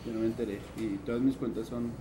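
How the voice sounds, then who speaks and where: A man's voice: mid-range voice, steady tone, quick pace, noisy background. A man co-hosting a casual tech podcast, cracking jokes and bantering. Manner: wisecracking, banters. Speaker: podcast co-host.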